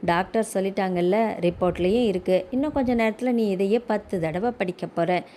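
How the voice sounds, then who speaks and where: A woman narrator voicing a calm, affectionate young husband who speaks reassuringly. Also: medium pitch, normal speed, slight background noise, close to an everyday voice.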